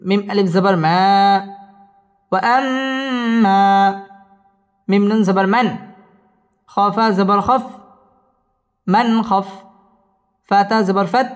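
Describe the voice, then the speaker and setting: A man with a high, smooth, resonant voice, teaching recitation in an unhurried way. He draws each verse out in a slow chant, then spells out the rules more briskly. The voice carries a long hall reverb with faint music underneath. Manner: chants verses slowly, then explains rules in quick flat speech.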